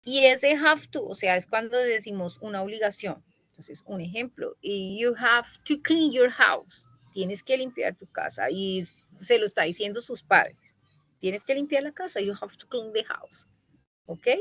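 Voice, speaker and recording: A woman's voice: medium pitch, animated, a bit bright, no room sound, poor audio. Patient woman teaching English online. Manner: patient, explaining slowly and checking with "¿sí?". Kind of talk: online bilingual class. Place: online meeting recording.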